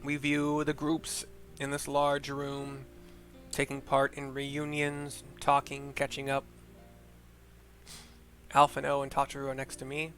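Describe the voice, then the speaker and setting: With music in the background, a gamer reads the story aloud during his playthrough, dropping muttered asides and spelling out names. His mid-range voice is fairly bright in tone, completely flat in delivery, and unhurried.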